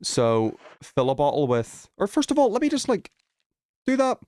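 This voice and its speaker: Pitch swooping wildly from a fairly high base, this man talks at normal speed with a slightly mellow tone. He's live streaming a video game, chatting informally and thinking aloud through puzzles. The recording is dry.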